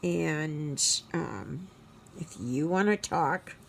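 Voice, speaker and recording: A Canadian woman in her sixties runs a stitching channel from home, chatting casually as she works. Her voice sits low and gravelly, slow and reflective, rambling with many fillers and soft murmurs to herself, over slight background noise.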